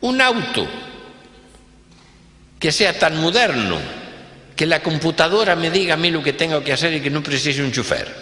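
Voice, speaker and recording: A man's voice: on the high side, expressive, moderate pace, pauses often, pushed and bright, voice pushed up. A man voicing a wealthy, demanding Spanish businessman who speaks in an indignant, exclaiming way. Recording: echoey hall from a stage.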